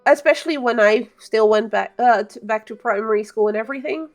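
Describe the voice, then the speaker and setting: A woman from Flemish-speaking Belgium, whose first language is Dutch (Flemish), chats casually as a game streamer in live-stream commentary, rambling through her explanations. Her voice is slightly high and slightly fast, with soft music in the background.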